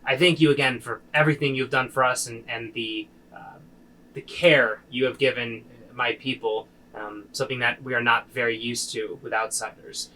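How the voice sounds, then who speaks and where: A man voicing an earnest, soldierly middle-aged village leader who speaks softly and haltingly. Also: medium pitch, steady tone, voice pushed down, close to an everyday voice, poor audio.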